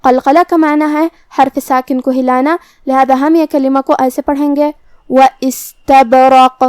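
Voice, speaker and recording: A woman teaches Quran recitation, going through each letter methodically before reciting the verses slowly. Her voice is high, level in tone, and a little mellow, captured in a dry recording.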